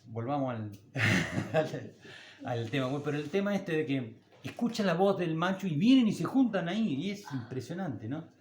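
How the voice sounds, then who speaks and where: A man's voice: a little high, expressive, moderate pace, reverberant. An older man with an Argentine Spanish accent, preaching a sermon as a pastor in a conversational, folksy way with homely anecdotes.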